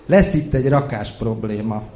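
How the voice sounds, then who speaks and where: A man reading out a tipsy, boastful man who fixes wiring, shouting loudly and excitedly. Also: fairly low pitch, close to an everyday voice. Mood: boisterous. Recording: echoey room.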